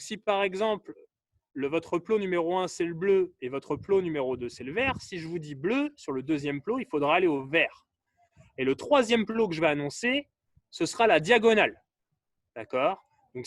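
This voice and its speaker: A man coaching a live online fitness class, calling out drills and colors in short bursts and urging everyone to go faster. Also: high voice, dry recording, clean studio sound.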